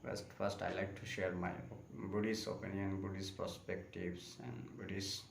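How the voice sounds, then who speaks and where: A Buddhist monk giving a live-streamed Dharma talk in slow, repetitive. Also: male voice, low voice, level tone, vocal fry. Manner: slow, repetitive phrasing in non-native English. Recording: echoey room with faint ambient noise.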